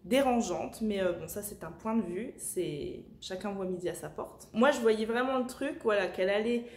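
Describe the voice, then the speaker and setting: A woman book vlogger, talking casually at home with many filler pauses. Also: medium pitch, a little mellow. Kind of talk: casual vlog chat. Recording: echoey room.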